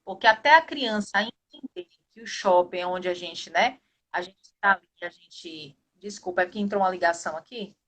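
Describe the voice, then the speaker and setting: Woman host, thirties, Brazilian Portuguese accent, bright tone, chatty and quick, video call. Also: mid-range voice. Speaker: live show host. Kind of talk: casual live chat.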